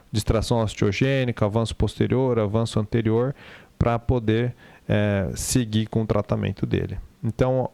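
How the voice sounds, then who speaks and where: A man's voice: mid-range voice, darkish tone, clear, resonant tone, dry recording. A man with a Brazilian accent giving an informal surgical case presentation, conversational and explanatory, often rephrasing himself.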